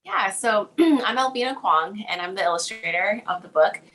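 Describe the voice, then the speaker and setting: Bright-voiced young woman chatting with giggles. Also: medium pitch, animated, normal speed, rough recording. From Hawaii, raised in Southern California. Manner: chatty, giggly, many fillers like "like". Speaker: children's book illustrator, guest. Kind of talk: casual interview chat.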